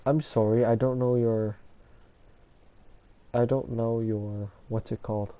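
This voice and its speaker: A man's voice: medium pitch, level tone, slow pace, narrow, tinny audio. A man casually commenting over a video game, rambling and self-deprecating as he talks to viewers. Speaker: gamer showing his builds.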